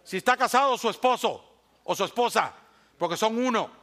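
A man preaching a sermon as pastor, swinging between loud bursts and hushed asides, with playful humor. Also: sits high, normal speed.

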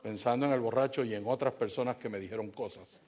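A man preaching as a pastor, telling a humorous story in an animated way, acting out the dialogue and talking straight to his congregation. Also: mid-range voice, fast. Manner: animated, acts out dialogue, talks directly to congregation.

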